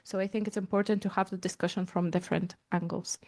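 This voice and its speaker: A woman's voice: mid-range voice, level tone, fast, darkish tone. A woman moderating a marketing panel, chatty and self-deprecating, often laughing. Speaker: panel moderator and event organizer. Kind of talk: panel discussion.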